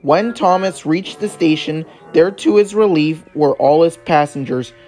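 Gentle male storybook narrator. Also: fairly high pitch, a little slow, faint music behind.

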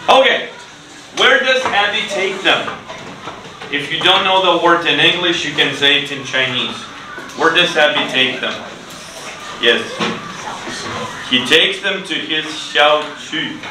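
Heard from afar in a roomy, noisy indoor classroom, a middle-aged ESL teacher with a higher voice and lively intonation engages children slowly and deliberately. He relies on short, simple phrases and repeated questions.

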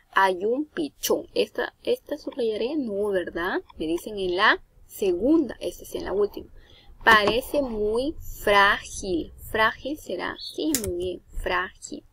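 A woman teacher with a Peruvian Spanish accent, slowly giving a grammar lesson to young children, counting syllables and praising them. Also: mid-range voice, vocal fry, a bit bright, slightly rough. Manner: slow, syllable-counting, encouraging. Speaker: primary school teacher.

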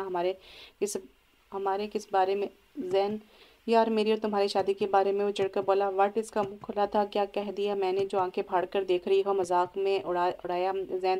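Woman narrator for an audio novel, monotone, mellow. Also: mid-range voice. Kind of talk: scripted novel reading.

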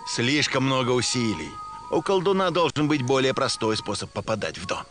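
A man's voice: mid-range voice, sing-song, moderate pace, fairly bright tone. A man voicing a sly, self-serving, flirtatious rogue adventurer in a dubbed fantasy cartoon, with a mocking swagger. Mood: sly, confident. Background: music.

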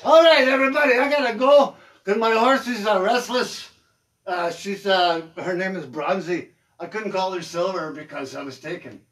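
A man's voice: sits high, normal speed, fairly bright tone, far from the mic. A man voicing a boastful cowboy on horseback with a put-on Mexican-style accent, joking in a hammy way.

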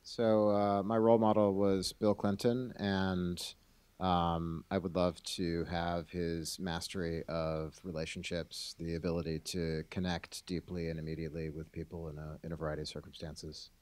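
A man in a workshop audience who answers with halting speech, many "um"s and repeated words. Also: deep voice, level tone, a little mellow. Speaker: audience participant.

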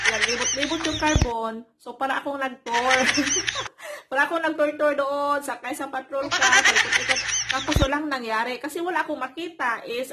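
A woman, chatting to her viewers as she tells a story. She laughs often and keeps calling them guys. Loud noise runs under the recording. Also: high-pitched. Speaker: vlogger. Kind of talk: casual storytelling.

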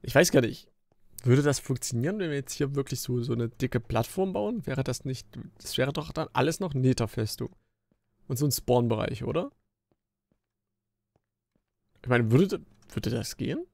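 Gravelly man chatting over gameplay. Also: mid-range voice, normal speed, no echo. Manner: chatty, grumbling and joking at the game; jumpy bursts of excitement while fighting. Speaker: Let's Play host. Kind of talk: casual gameplay commentary.

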